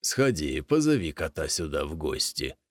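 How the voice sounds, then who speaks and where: A man voicing a big, cowardly bear in a folk tale, gruff and grumbling. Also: extremely low pitch, big pitch swings, normal speed, dry recording, studio quality, pitched below the performer's own voice, heavily acted.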